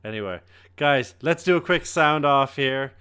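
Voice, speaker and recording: A man's voice: mid-range voice, expressive, measured pace, sharp tone, clear, resonant tone. A man hosting a casual gaming podcast, loose and swearing freely between laughs. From Ireland. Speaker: podcast host.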